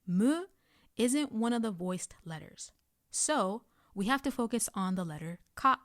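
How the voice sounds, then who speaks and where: In a scripted language lesson, a woman tutor guides pronunciation practice, carefully enunciating each example sound in a clear, instructional manner. Her voice is on the high side and animated, her pace measured, and the recording is studio quality with no room sound.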